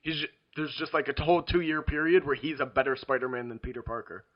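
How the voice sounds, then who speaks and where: A man's voice: medium pitch, a little fast. A man co-hosting a podcast in casual chat, chatty and a bit fumbling, with the hiccups. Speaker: podcast co-host. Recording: dull lo-fi sound.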